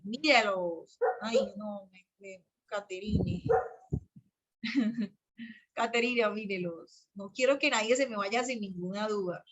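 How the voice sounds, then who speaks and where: A woman with a Colombian accent teaching psychology students in a live online class, excitable, repeating herself and talking fast. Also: on the high side. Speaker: psychology lecturer.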